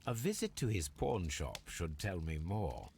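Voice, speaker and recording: An actor playing a calm detective in a video game, thinking through his case in a measured monologue. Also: noisy background, exaggerated voice. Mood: thoughtful. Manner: measured, low-key inner monologue.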